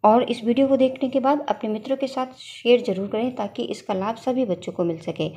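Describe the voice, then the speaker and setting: A woman's voice: a little high, brisk, dark tone. A middle-aged woman teaching a Hindi grammar lesson, patiently sounding out syllables and asking the children to repeat after her.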